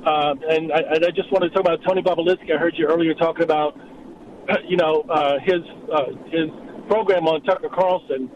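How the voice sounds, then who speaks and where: A man's voice: on the high side, steady tone, a little fast. A man calling in to a radio talk show over the phone, telling a rambling story in a casual way. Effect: heard over the phone. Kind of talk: casual call-in chat. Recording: muffled phone line with background noise.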